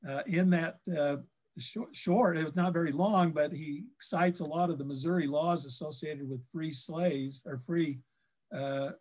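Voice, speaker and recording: An older man talks history over a video call from his office, his voice sitting a little high for a man. He stumbles and restarts often, with steady filler sounds between his phrases. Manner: halting, many ums and restarts. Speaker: historian guest. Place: office with bookshelves.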